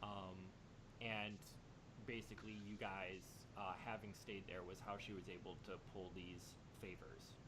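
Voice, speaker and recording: Man, game master, hesitant narration, lots of ums, online call, computer mic, loud keyboard typing. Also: low voice, flat delivery, normal speed, noisy background.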